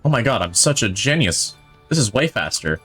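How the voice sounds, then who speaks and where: A man's voice: mid-range voice, big pitch swings, normal speed, a bit bright, slightly rough, soft background music. A male streamer giving casual, chatty gameplay commentary, rambling and thinking aloud, enthusiastic about what he plays.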